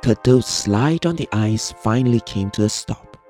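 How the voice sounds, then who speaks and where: A woman storyteller reading a children's story aloud in an expressive, cozy way. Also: a bass voice, normal speed. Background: music.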